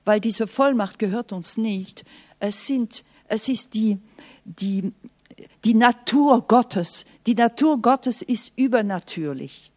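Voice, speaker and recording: A woman preaching a sermon in an earnest, emphatic way, sometimes dropping to soft, hushed asides and speaking straight to the listener. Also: on the high side, expressive, takes it slowly. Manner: speaks directly to the listener, often asking "Okay?".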